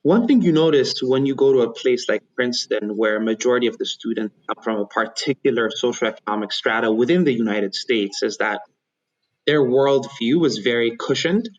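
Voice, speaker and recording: A man in his thirties from Ethiopia, whose first language is Amharic, speaks as a guest in a thoughtful, measured way. He often restarts his phrases as he gathers his thoughts. The audio is slightly dull and lo-fi, as if from a remote recording. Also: mid-range voice. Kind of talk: conversational interview.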